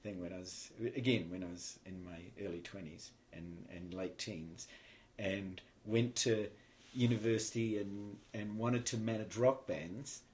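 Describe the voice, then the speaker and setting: Speaking a little slowly in a low, darkish voice with fairly even intonation, a New Zealand man recounts his life as a guest in a relaxed storytelling interview. He is a spiritual teacher whose reflections wander, and he frequently begins sentences over. There is a slight hiss or hum.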